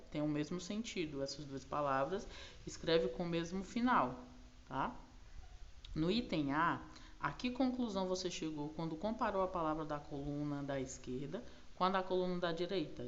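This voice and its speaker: A woman with a very low voice and a Brazilian Portuguese accent walks students through a class exercise. She is patient and checks in constantly with little tag questions. The recording sounds dull and lo-fi. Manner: patient, slow over key words, frequent tag questions. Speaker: teacher.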